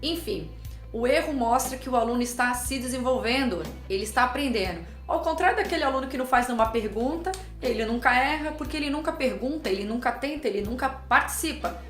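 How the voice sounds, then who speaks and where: A woman teaching teachers in a lively way, often acting out what a teacher or pupil might say. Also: high voice, fast. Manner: lively explaining, acts out teacher and pupil quotes. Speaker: teacher and educational psychologist. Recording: echoey room with faint music.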